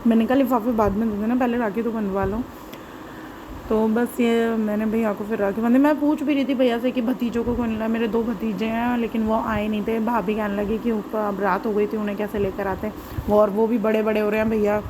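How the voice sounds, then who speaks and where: A woman vlogger with a hoarse, sore throat, chattily narrating her home footage and often correcting herself as she rambles. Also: fairly high pitch, fairly even intonation, brisk, background noise.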